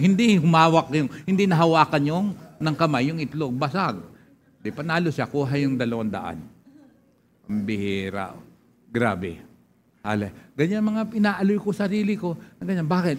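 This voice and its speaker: Emphatic Filipino pastor, fairly high voice. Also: male voice, animated, normal speed, a little hiss or hum. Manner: emphatic preaching, repeats key lines, loud scripture reading; frequent murmured "praise God" interjections. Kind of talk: sermon.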